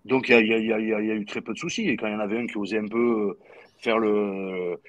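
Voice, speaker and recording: A man, a former footballer talking as a guest in a casual chat, halting and full of fillers. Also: lowish voice, lo-fi sound. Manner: relaxed, halting, many fillers and swearing.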